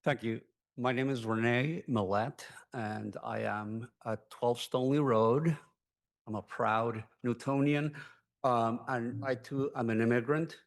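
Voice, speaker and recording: A man in his sixties from Chile giving public comment at a city council meeting, speaking haltingly with many ums and pauses. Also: medium pitch, steady tone.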